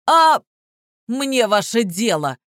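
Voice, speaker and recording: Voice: mid-range voice, normal speed, fairly bright tone, no room sound, studio quality, close to an everyday voice. A reader voicing a scrawny male petty thief in custody, who rants and shrieks at his lawyer. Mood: hysterical. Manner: shrieking, ranting.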